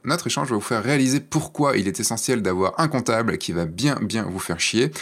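A man's voice: fairly low pitch, lively intonation, a little fast. A man hosting a podcast, introducing his guest in a chatty, teasing way. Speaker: podcast host.

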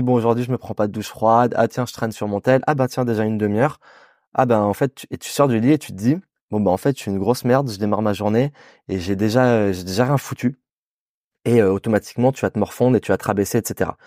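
A man's voice: fairly low pitch, dark tone, no echo, studio quality. A young man in a casual vlog monologue, talking loosely with lots of fillers, slang and restarts. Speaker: vlogger. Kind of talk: casual year-review monologue.

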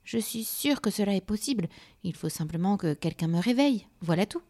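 A woman's voice: medium pitch, lively intonation, brisk, dark tone. A woman voicing a young female night flower, hopeful and a little wistful, in a children's storybook. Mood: determined.

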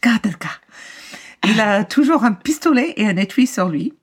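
Animated woman telling a true-crime story. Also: on the high side, normal speed, slightly rough. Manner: animated, laughs often mid-story. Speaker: podcast co-host telling the story.

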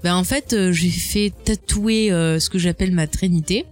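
A woman guest in a casual conversation, chatty and expressive, laughing often and swearing casually. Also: fairly low pitch, moderate pace, soft background music.

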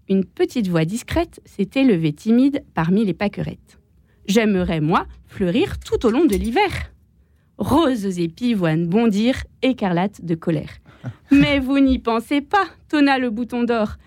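A woman guest reciting a Christmas poem in a gentle, measured way in a radio studio. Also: medium pitch, no echo. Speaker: guest, painter.

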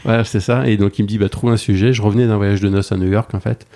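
A man in his forties talks quickly as a podcast guest, in a low, dark voice. He chats loosely, circling back and restarting his sentences with plenty of fillers. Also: steady tone. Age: 40s. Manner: chatty, with many restarts and fillers. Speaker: travel blogger and tour agency owner, podcast guest. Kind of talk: casual conversational interview.

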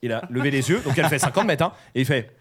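Fast-talking joking French podcast man. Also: mid-range voice, expressive, a bit bright, breathy edge. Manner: jokey, swearing, laughs often. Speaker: podcast co-host. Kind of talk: casual chat among friends.

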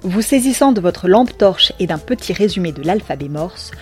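A woman's voice: lowish voice, expressive, normal speed, soft background music. Wry woman narrating a second-person story. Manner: wry, ironic, slangy asides.

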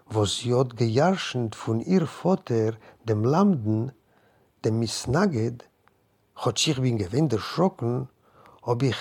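A man reading a literary story aloud in a measured, deliberate way. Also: medium pitch, a little mellow, breathy edge. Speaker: narrator.

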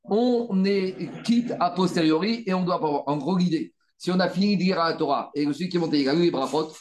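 A man teaching a Talmud study class, animated and repetitive, rallying his students with frequent asides. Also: high voice, fast talker. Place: study room with students, also streamed on video call. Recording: echoey room.

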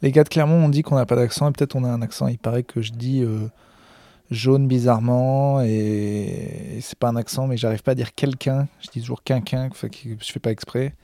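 A stand-up comedian rambling backstage in a self-mocking vlog monologue, full of hesitations, into a handheld recorder. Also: male voice, mid-range voice, fairly even intonation, a little fast, few pauses, mellow, no room sound. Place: backstage room of a comedy club.

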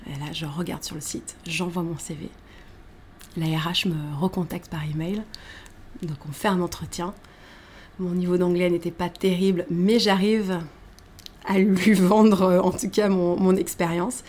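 A woman in her thirties tells her career path in a casual interview, in a fairly low voice. She talks animatedly, with many fillers and restarts. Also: flat delivery, moderate pace, a little mellow. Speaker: guest.

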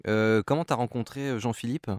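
A man interviewing in a casual, relaxed and reassuring way. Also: mid-range voice, a little fast, no echo, studio quality.

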